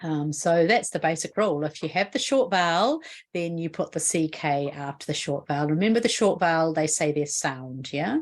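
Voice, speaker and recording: A woman's voice: low voice, lively intonation, moderate pace. A woman with a New Zealand accent explaining a spelling rule in an instructional video lesson, patient and explanatory, often asking the viewer questions. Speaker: literacy educator.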